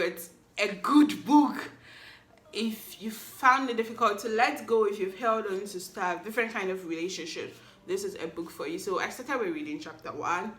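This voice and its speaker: Recorded in an echoey room, this solo podcast recap comes from a woman in her twenties. She's playful and talkative, teasing her listener, in a fairly bright, mid-pitched voice.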